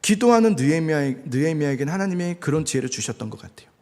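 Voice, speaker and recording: Husky guy pastor preaching, pitch jumps all over, echoey church hall. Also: lively intonation, fast talker. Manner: conversational, acts out angry prayers with sudden shouts. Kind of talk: sermon.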